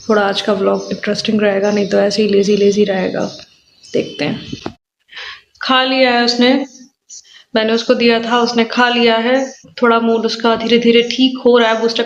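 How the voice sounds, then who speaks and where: A woman's voice: fairly high pitch, dull audio, a little hiss or hum. A woman in her thirties, a mother chatting casually in a home vlog, talking in a chatty, complaining and teasing way. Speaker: vlogger and mother. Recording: echoey room with faint ambience.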